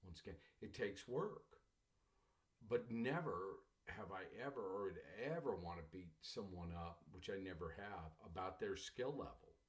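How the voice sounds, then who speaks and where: Slightly low-voiced male professor lecturing. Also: lively intonation, moderate pace. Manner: conversational storytelling, addresses listeners as "class". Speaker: college English professor. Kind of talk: classroom lecture.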